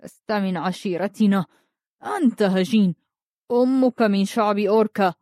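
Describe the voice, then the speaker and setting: A woman's voice: medium pitch, moderate pace, dark tone, no echo, clean studio sound, close to an everyday voice. A woman voicing a scornful young nobleman who talks with sarcasm. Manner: sneering, sarcastic.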